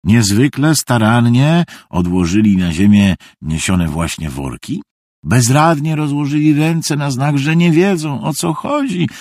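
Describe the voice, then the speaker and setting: A man narrating a story in an expressive, scripted way, acting out the scenes. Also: medium pitch, a little slow, no echo, clean studio sound.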